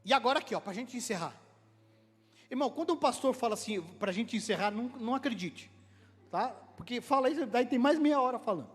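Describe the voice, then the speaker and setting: A Brazilian man preaching a sermon as a pastor, animated and acting out dialogue, joking with his congregation. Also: very high-pitched, fast talker, breathy edge. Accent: Brazilian Portuguese. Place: church hall. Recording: long hall reverb in a church.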